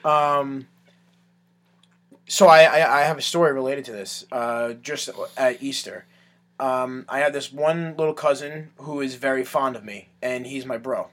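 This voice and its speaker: A man's voice: mid-range voice, unhurried, a bit bright. A young man in his twenties telling rambling stories in casual chat, full of "like" and "um". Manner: rambling, filler-heavy with lots of "like" and "um".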